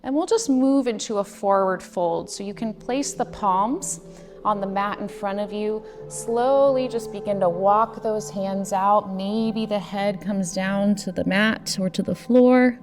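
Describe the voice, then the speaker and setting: A woman in her thirties guiding a somatic yoga meditation as instructor, in a gentle, measured, soothing manner with drawn-out phrases. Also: medium pitch. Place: indoors, decorated studio room. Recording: reverberant hall sound with faint music. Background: faint music.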